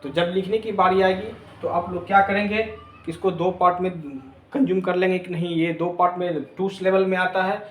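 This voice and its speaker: A man's voice: sits high, level tone, fairly quick, echoey room, a little hiss or hum. A man teaching a lesson, spelling letters out one by one. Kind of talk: classroom lesson.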